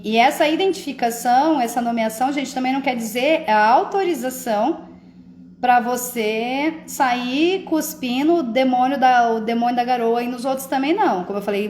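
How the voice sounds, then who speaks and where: A woman's voice: fairly high pitch, darkish tone, roomy sound, a little hiss or hum. A woman hosting a live stream, talking casually about emotions and often checking that listeners follow. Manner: conversational, often asks "entende?".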